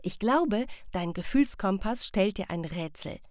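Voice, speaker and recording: Woman reading a gentle, comforting storybook mother. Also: mid-range voice, lively intonation, a little slow, no echo, studio quality, close to an everyday voice. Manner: soft, comforting, explaining. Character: warm gentle mother of a child.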